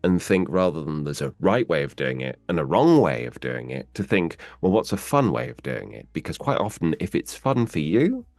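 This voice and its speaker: A man working as a voice actor, answering interview questions in an animated way and playing with his pitch as he explains. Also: normal speed, hardly any pauses, no echo, clean studio sound. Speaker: voice actor guest.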